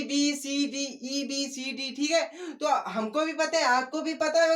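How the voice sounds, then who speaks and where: A man's voice: extremely high pitch, a bit bright. A male teacher giving an exam-prep video lesson in a playful, joking way, repeating key words to drive them home.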